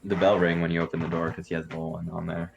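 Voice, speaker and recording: Deep-voiced man running a tabletop game. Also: flat delivery, vocal fry, lo-fi sound, a crowd in the background. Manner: casual, halting narration with fillers. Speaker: game master.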